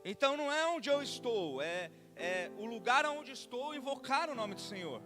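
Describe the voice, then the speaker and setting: A man with a Brazilian Portuguese accent preaches from the pulpit in a notably high voice. He moves between quiet, confiding asides and loud, impassioned exhortation, pressing his listeners with questions. Faint instrumental music plays behind him. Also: animated, moderate pace. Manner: swings from soft asides to shouted exhortation; asks the congregation rhetorical questions. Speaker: bishop and pastor. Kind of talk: preaching a sermon. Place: church sanctuary.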